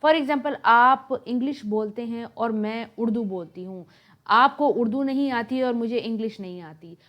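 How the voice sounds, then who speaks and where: Higher-pitched woman giving a lecture. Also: muffled recording. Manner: explanatory, mixes English terms. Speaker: teacher. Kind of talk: lecture explaining linguistics.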